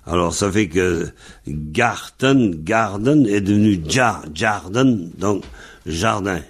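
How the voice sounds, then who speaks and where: Man, low voice, unhurried, radio language teacher, patient, repeats word forms. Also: expressive, breathy edge, soft background music.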